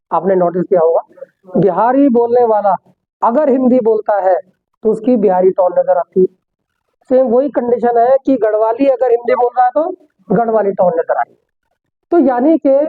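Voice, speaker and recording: A man teaching an English class, explaining step by step and answering his own rhetorical questions. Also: very high-pitched. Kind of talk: classroom lecture. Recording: tinny phone-like sound.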